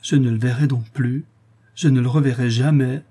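A man's voice: medium pitch, steady tone, normal speed, warm tone, slightly rough, pitched above the performer's own voice, close to an everyday voice. A man reading an audiobook, voicing a frightened young captive woman who pleads anxiously. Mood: pleading, fearful.

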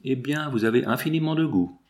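A man's voice: medium pitch, fairly quick, darkish tone, natural voice. A man voicing a rich, sickly young woman, gracious but moody, in an audiobook, in a voice close to his own.

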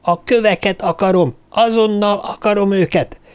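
A man's voice: a little high, expressive, darkish tone, pitched above the performer's own voice. A male narrator voicing a mysterious young woman who mocks and commands. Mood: furious. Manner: mocking, commanding. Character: mysterious young woman, mocking then furious.

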